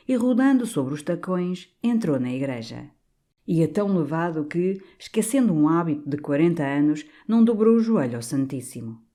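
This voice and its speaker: Audiobook narrator: woman, low mellow voice, measured dramatic delivery. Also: animated. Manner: measured, dramatic literary reading. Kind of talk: scripted narration.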